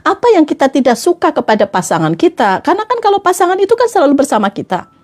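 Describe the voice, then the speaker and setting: A woman's voice: sits high, sing-song, fast talker. A woman trainer giving a playful, chatty motivational talk to a live audience, acting out little scenes as she goes.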